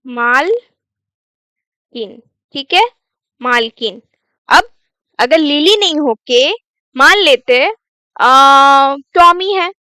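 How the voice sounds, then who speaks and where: A woman teacher walks through a story one word at a time, asking and then answering her own questions. Her voice sits high and bright, and she talks slowly. The sound is dry and close. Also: no echo. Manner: asks questions then answers them, repeats words slowly. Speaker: English teacher. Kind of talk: bilingual English reading lesson.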